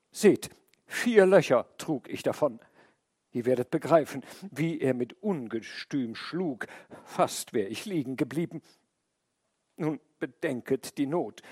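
A man's voice: on the high side, darkish tone, dry recording, studio quality. A man reading a battered, plaintive rabbit. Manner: plaintive, complaining. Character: battered frightened male rabbit, pleading.

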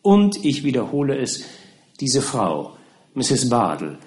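Man reading a shrewd lawyer talking someone round, earnest, lots of pitch movement. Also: wildly swooping pitch, a little mellow. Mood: persuasive. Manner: measured, coaxing, earnest. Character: shrewd middle-aged male lawyer, persuasive. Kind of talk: audiobook reading.

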